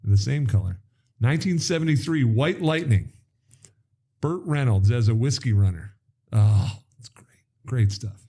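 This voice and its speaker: His voice medium-pitched, mellow and slightly rough, a middle-aged podcast co-host spins stories with enthusiasm. He's expressive and unhurried, pausing often as the casual conversation rolls on.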